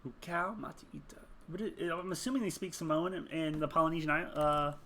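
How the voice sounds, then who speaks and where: A man's voice: fairly high pitch, fairly quick, background noise. A man thinking aloud as he builds a game character, rambling, muttering and chuckling at his own jokes while he types. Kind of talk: casual thinking aloud while searching online.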